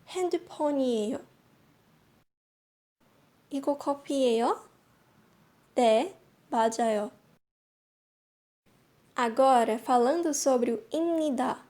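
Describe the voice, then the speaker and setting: Woman teacher, young adult, slightly high voice, clear and deliberate, repeats examples. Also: darkish tone. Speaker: Korean language teacher. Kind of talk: scripted lesson narration.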